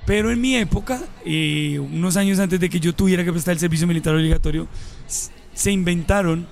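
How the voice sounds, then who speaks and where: A Colombian man in his forties, a guest telling stories from his life in a relaxed, casual interview. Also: sits high, brisk, vocal fry, soft background music. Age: 40s. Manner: relaxed storyteller, mixes local slang.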